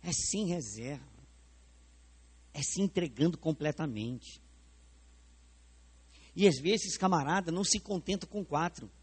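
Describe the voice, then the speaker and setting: This preacher's voice sits on the high side and has a breathy edge; he talks at normal speed but pauses often. A Brazilian Portuguese accent colors his animated sermon in the church sanctuary, where he stages a live demonstration and asks the congregation questions head-on.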